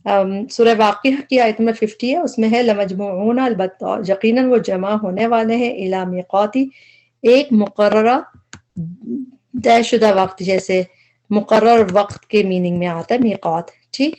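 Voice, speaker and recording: Female teacher, patient, steady mid pitch, works through each word in order. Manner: patient, explains step by step, mixes in English terms. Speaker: Quran word-study teacher. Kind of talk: explanatory lesson.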